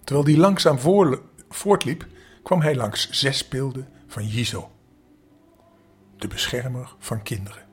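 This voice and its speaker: An older man, a grandfather, calmly reading a bedtime story aloud at an unhurried pace, with small slips along the way. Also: medium pitch, husky.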